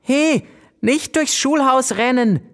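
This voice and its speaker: Brief: bossy rule-citing schoolgirl, voiced by a man, raised pitch, children's audiobook. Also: expressive, normal speed. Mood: insistent. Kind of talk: storybook character voice.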